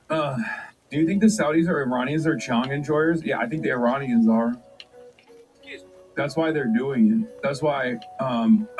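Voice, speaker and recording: A man's voice: mid-range voice, a little mellow, poor audio. A man streaming and reacting to news clips, talking sarcastically and in disbelief, often rambling.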